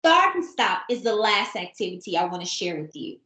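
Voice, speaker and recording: Here the parenting-show host uses a mid-range voice with big pitch swings, talking a little fast in a pushed, bright tone within an echoey room. Her scripted talk gives parents cheerful, teacherly guidance on getting kids ready for kindergarten.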